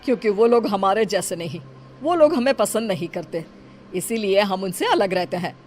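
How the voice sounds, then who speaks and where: Woman playing an emphatic, protective motherly guardian, medium pitch. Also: lively intonation, moderate pace, a little mellow, slight background noise, close to an everyday voice. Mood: stern. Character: protective, stern motherly hijra community elder. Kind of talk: Hindi moral story cartoon acting. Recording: music playing behind the voice.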